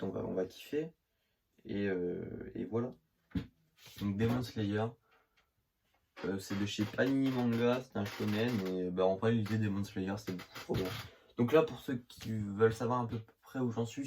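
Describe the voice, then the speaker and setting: Young guy with a northern french accent rambling about manga, lowish voice, lots of euh, phone mic with faint hiss. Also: normal speed, darkish tone. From northern France. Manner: rambling with many fillers and slang. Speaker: manga vlogger. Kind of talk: casual video chat about his manga collection. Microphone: phone camera.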